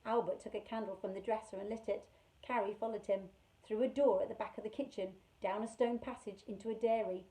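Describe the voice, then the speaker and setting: A woman reading a children's novel aloud in a measured, expressive way. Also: medium pitch, low-quality recording. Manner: measured, expressive, slows on key words. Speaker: storyteller for children.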